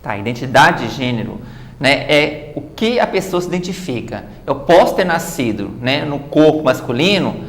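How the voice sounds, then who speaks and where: A woman's voice: extremely low pitch, sing-song, moderate pace, echoey room. A woman guest in a TV studio interview, explaining at length and often adding "né" tags. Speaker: guest author and activist.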